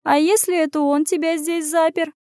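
A bossy talking she-cat with quick, scolding retorts, pitched up high, as a woman narrator puts her on. The sound is close and dry, with no room around it. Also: level tone, warm tone, dry recording. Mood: fretful. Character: sharp-tongued female talking cat, bossy. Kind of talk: audiobook character voice.

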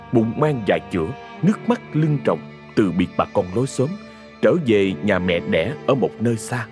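Male horror narrator, lowish husky voice, lively delivery, long reverb over faint music. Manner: dramatic, expressive.

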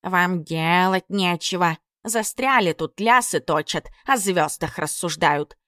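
A woman's voice: on the low side, slow, a bit bright, no room sound, studio quality. A woman voicing a male magic cat who nags and scolds the others in an audiobook story. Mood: scolding. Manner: reproachful, nagging.

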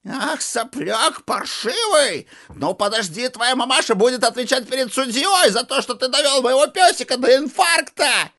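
A man's voice: very high-pitched, expressive, moderate pace, few pauses, sharp tone, pitched above the performer's own voice, full character voice. A man voicing a spiteful, taunting middle-aged junkyard owner in an audiobook, sneering as he jeers. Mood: jeering. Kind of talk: audiobook character voice.

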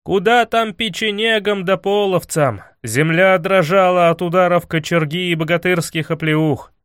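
A male narrator telling a comic fairy tale with dry, mock-epic gravity. His voice sits a little high and is recorded close and dead-dry. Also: moderate pace, a bit bright, smooth, no echo.

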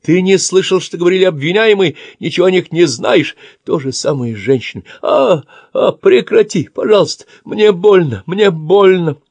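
A screechy old man in his 70s, blustering and abusive, way up high. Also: lively intonation, moderate pace, creaky, hardly any pauses, darkish tone, no echo, heavily acted. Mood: pained pleading. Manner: shrill, shrieking, cursing.

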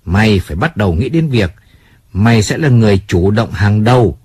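A man voicing a calm, businesslike male family adviser in an audiobook, speaking firmly and plainly. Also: fairly low pitch, breathy edge. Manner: measured, firm, businesslike.

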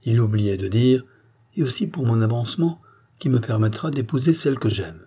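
Brief: male audiobook narrator, steady scripted narration of a detective novel, warm, breathy edge. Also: mid-range voice, normal speed.

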